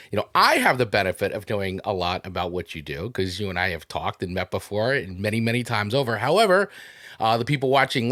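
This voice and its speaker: A man's voice: medium pitch, bright, forceful tone, no echo, clean studio sound. A man with a New Jersey accent hosting a podcast interview, upbeat and enthusiastic as he promotes the show and greets his guest. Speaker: podcast host.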